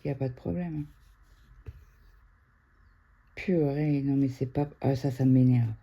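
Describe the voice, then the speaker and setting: Woman, middle-aged, from France, casual home vlog chat, excitable, very mellow tone. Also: extremely low pitch, gravelly, slightly rough, highs cut off. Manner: chatty, excitable, quick to shout. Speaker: craft vlogger. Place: indoors at home.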